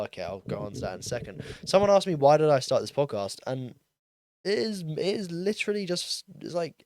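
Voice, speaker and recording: A man's voice: mid-range voice, darkish tone, clear, resonant tone, no room sound, clean studio sound. A young man in his late teens hosting a solo podcast, rambling in a casual, self-deprecating way with lots of ums and likes. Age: young adult, turning twenty. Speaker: podcast host.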